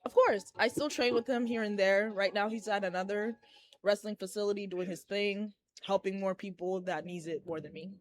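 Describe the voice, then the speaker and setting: A woman's voice: medium pitch, steady tone, normal speed. A young woman from Haiti, a professional wrestler, talking candidly and chattily as a guest in an interview inside a shop. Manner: candid, chatty, laughs easily. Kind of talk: casual interview. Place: collectibles shop, indoors.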